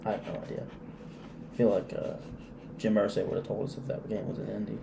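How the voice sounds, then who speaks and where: A man co-hosting a casual sports podcast, reading his betting picks in a slow, drawn-out way. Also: on the low side, level tone, creaky, reverberant, noisy background. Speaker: podcast co-host.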